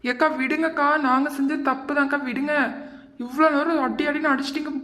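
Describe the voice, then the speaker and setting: A woman's voice: high-pitched, steady tone, a little fast, a bit bright. A woman voicing a put-upon young cartoon woman who keeps pleading and complaining. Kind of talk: cartoon voice acting.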